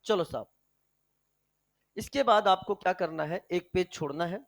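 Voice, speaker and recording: Brief: male chemistry tutor, high bright voice, lively lecture style, quizzes and scolds students. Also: measured pace, gravelly. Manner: animated, fires rhetorical questions at students; calls students "beta", coaxing and scolding. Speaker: chemistry teacher. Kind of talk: energetic classroom lecture.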